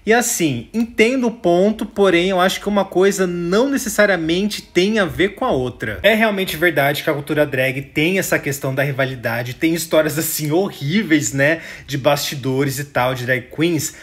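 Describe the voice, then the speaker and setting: A man's voice: fairly high pitch, moderate pace, hardly any pauses. A man with a Brazilian Portuguese accent giving chatty, opinionated reaction commentary to his viewers, often tossing in tag questions. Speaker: YouTube commentator.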